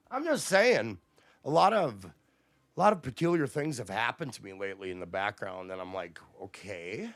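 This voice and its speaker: A man's voice: on the low side, fairly bright tone, dry recording. Profane, combative male streamer. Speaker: livestream host. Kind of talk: casual livestream rant to chat.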